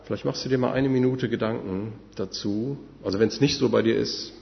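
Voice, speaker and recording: A man preaches a sermon earnestly, speaking straight to his listeners with some fillers. His voice is medium-pitched with vocal fry, and he talks a little fast. The recording sounds dull and carries a long hall reverb.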